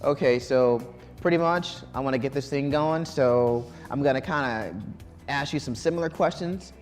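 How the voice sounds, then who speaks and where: A man hosts a live quiz show from a college studio, mid-pitched and casual. He keeps things loose, with plenty of ums and restarts. A little music sits faintly behind him. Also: normal speed. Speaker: game show host.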